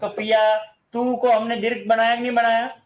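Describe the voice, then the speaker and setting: In a low-quality recording, a man with an extremely high voice leads a grammar lesson at a moderate pace and in a level tone. Posing questions he then answers himself, he also sings snippets of songs as examples of long vowels.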